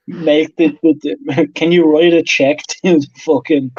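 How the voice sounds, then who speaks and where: Man, casual stream chat, profane, joking, slightly high voice, muffled audio. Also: darkish tone, husky, no echo. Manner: profane, joking, laughs often.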